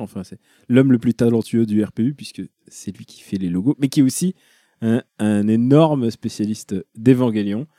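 Mellow man hosting a talk show. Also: medium pitch, no room sound, studio quality. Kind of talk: casual podcast hosting.

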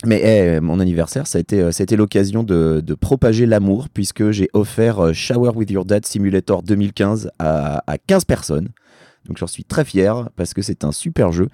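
A man with a very deep, soft-toned voice that is worn and hoarse from yelling, recorded close and dry. He sounds tired and rambles casually as a talk show guest, with dry, self-deprecating jokes. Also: moderate pace, no echo.

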